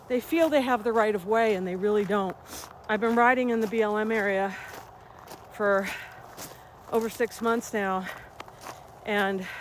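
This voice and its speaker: A slightly high voice with a little hiss or hum comes from a woman in her fifties vlogging on a rural uphill trail. The health coach is somewhat out of breath, yet chatty, telling lively stories with laughter as she walks.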